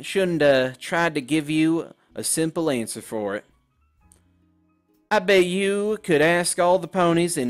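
Dude doing a country pony gal, folksy and earnest, southern drawl. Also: male voice, fairly high pitch, lightly acted. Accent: Southern US put-on. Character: kind farm pony mare with country drawl.

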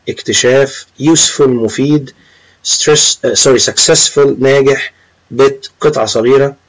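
A man's voice: medium pitch, low-quality recording. Egyptian man teaching English words. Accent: Egyptian Arabic. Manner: switches between Arabic and English, reads words slowly then translates. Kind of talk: classroom-style lesson explaining vocabulary.

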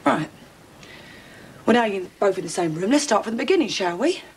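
An actress playing a furious middle-aged woman, confronting an unwanted man in a TV drama, sharp and sarcastic. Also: mid-range voice, animated, a little fast, very noisy, close to an everyday voice. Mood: cold, scornful. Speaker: soap opera character. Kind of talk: broadcast TV drama acting.

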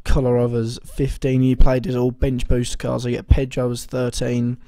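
A young man speaks in a warm, relaxed tone that is a little hoarse as his voice recovers. He rambles casually, hesitating often and correcting himself mid-sentence. The sound is dry and close, with no room around it. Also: mid-range voice, moderate pace, no room sound. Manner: rambling, hesitant, full of ums and self-corrections. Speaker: fantasy football vlogger. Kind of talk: casual video commentary.

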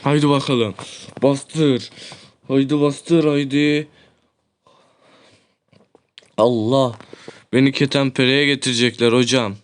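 A young man giving excited, loud gameplay commentary as a gaming YouTuber, swearing often and breaking into shouts. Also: medium pitch, unhurried.

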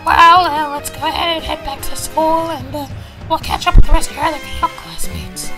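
A woman's voice: high-pitched, fairly even intonation, moderate pace, bright, forceful tone, soft background music, poor audio. A woman voicing a friendly driving instructor who speaks with hesitant fillers.

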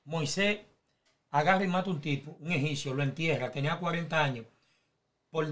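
High-voiced man explaining scripture. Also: moderate pace, fairly bright tone. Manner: teaching, explains Bible stories step by step. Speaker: preacher in panel talk.

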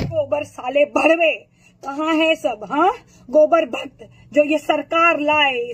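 A woman with a hoarse throat delivering a furious political rant to camera, hurling insults and rhetorical questions. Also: high voice, rough recording.

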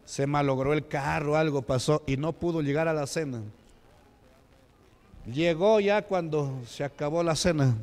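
A man's voice: on the high side, a little slow, darkish tone. A man with a Peruvian Spanish accent, a deacon preaching a Pentecostal sermon in a church and asking the congregation questions. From Peru. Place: church sanctuary. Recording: long hall reverb.

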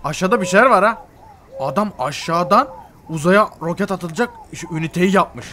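Excitable, fast-talking young man. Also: high voice, slight background noise. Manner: excitable, exasperated, exclaiming. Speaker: gamer role-playing in a game. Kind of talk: comedic game role-play commentary.

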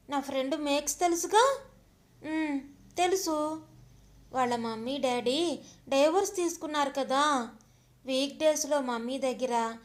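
Woman doing young grandson, high, sobbing, pleading; storybook read-aloud. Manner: pleading, sobbing child talk. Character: young boy, anxious, tearful grandson. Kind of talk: audio story reading.

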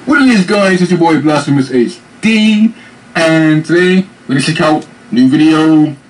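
A man doing an impression of a laid-back male YouTube horror reactor who talks in drawn-out slang. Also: fairly high pitch, expressive, recorded from a distance, faint music behind, close to an everyday voice, low-quality recording. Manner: slangy, drawn-out casual talk.

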